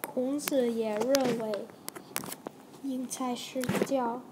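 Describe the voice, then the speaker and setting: Woman, teacher, very slow halting reading, fairly high voice, noisy recording. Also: fairly even intonation. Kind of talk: slow storytelling for learners.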